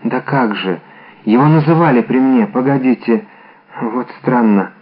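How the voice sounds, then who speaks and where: A man voicing a frail, devoted young woman, soft and pleading, in an audiobook. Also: medium pitch, animated, unhurried, close to an everyday voice. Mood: anxious. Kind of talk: audiobook character reading. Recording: dull lo-fi audiobook recording.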